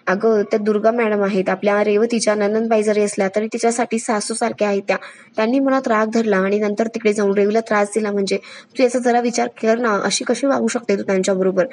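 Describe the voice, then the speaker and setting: A woman's voice: medium pitch, steady tone, fast, a little mellow, close to an everyday voice. A woman reading as a worried, reasoning husband. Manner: pleading, reasoning. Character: worried sensible older husband.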